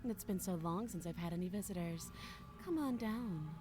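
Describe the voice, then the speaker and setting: A woman's voice: fairly low pitch, moderate pace, background noise, natural voice. A woman playing a cool, inviting captive princess in a video game, calling up from downstairs. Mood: inviting, composed.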